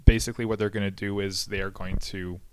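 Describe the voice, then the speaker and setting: A man hosts a history podcast, explaining events casually and conversationally, with frequent fillers and restarts. His voice is fairly low and level in tone, he talks fast, and there's a slight hiss or hum on the recording.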